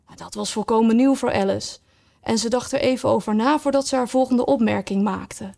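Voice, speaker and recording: Woman narrating a storybook, higher voice. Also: brisk, creaky, a little mellow. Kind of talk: storybook reading.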